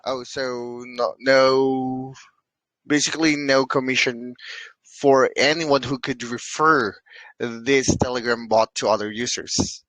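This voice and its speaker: Slow-talking man hosting an interview. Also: medium pitch, flat delivery, fairly bright tone, no room sound, low-quality recording. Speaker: AMA host. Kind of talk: interview questions.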